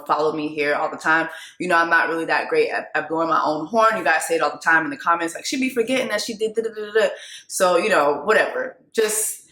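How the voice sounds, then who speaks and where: This young adult Canadian woman, whose native language is Haitian Creole, is a vlogger and TV co-host chatting loosely to her viewers on camera. She's chatty and self-deprecating, drifting into rambling asides. Her fairly low voice sounds pushed and bright, and the room is reverberant.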